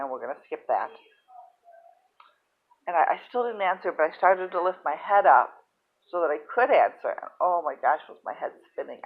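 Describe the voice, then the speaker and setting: A woman telling a personal story in a halting, soft-spoken, emotional way. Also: deep voice. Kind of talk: casual first-person storytelling. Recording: tinny phone-like sound.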